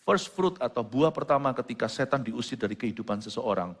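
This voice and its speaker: A man pastor preaching a sermon, who moves between quiet storytelling and loud exclamations and drops English phrases into his talk. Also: medium pitch, lively intonation, fairly quick. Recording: long hall reverb with faint music.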